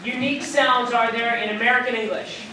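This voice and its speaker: A woman teaching a dialects class, brisk and upbeat, quizzing her students before a performance. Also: on the high side, fairly even intonation. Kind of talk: classroom introduction with quiz questions. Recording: echoey room, far mic, noise.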